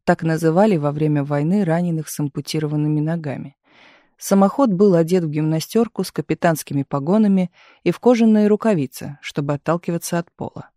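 An audiobook narrator reading a literary novel in a measured, expressive storytelling manner on a close studio mic. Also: mid-range voice, no echo.

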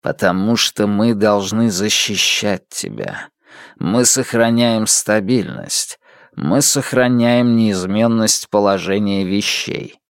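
Man voicing a metallic masked elder, cold and coaxing, low, slow. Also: gravelly, no room sound, studio quality, exaggerated voice. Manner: calm, coaxing and menacing. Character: cold masked male elder of a secretive collective.

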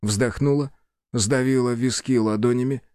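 A man narrating an action story in a measured, dramatic reading. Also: mid-range voice, fairly even intonation, a little mellow, smooth, dry recording, studio quality. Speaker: audiobook narrator. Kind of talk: scripted narration.

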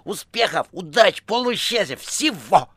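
A man's voice: sits high, sing-song, fairly bright tone, slightly rough, pitched above the performer's own voice, full character voice. A man voicing a fawning male chatterbox who gushes over the phone in an audiobook. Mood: gushing. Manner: gushing, rapid chatter.

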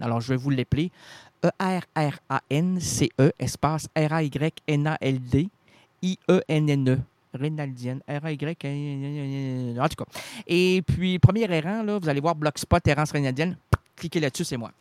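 A man hosting a web show, talking in a playful, improvised way full of wordplay and sudden swoops in pitch. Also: a little mellow, no echo.

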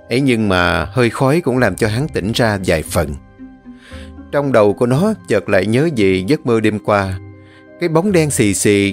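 A man narrating an audiobook story in a steady, plain storytelling manner. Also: fairly low pitch.

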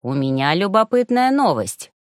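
A woman's voice: fairly low pitch, big pitch swings, moderate pace, no room sound, clean studio sound. A woman voicing a brash, scheming young male student in an audiobook, talking in a smug drawl. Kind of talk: audiobook character voice.

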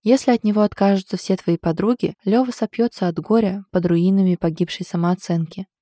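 A woman's voice: mid-range voice, fairly even intonation, brisk, warm tone, no room sound, natural voice. A woman reading the lines of a fond, ironic husband in an audiobook. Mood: wry fond. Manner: dry, ironic, affectionate. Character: teasing husband, a man, fond and wry.

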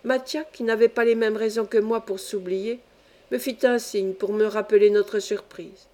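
A woman audiobook reader narrating a classic novel in a measured, expressive storytelling manner. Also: mid-range voice.

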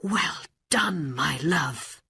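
Bold young hero, read by a man, firm commands, animated tone. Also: fairly high pitch, drawn-out words, gravelly, slightly rough, no room sound, clean studio sound, pitched above the performer's own voice, full character voice. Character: brave young male hero with a sword.

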